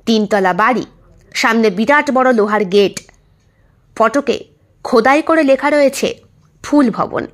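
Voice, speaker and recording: A woman narrating an audio story in a steady, clear manner. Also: high-pitched.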